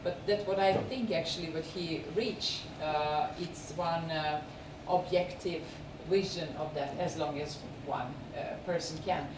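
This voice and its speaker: In an echoey, noisy screening venue, with the mic well away from her, a Serbian-accented woman hosts a film festival. Her low voice comes through as she introduces films and guests and interviews them, unscripted and halting while she searches for words.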